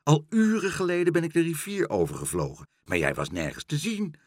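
High squawking seagull, cheerful and chatty, storybook bird, voiced by a man. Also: big pitch swings, fairly quick, dry recording, studio quality. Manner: loud and squawking.

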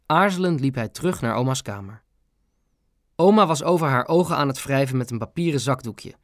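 An audiobook narrator telling a children's story with a lively, animated melody. The reading is close-miked and dry. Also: mid-range voice, fairly quick, no room sound.

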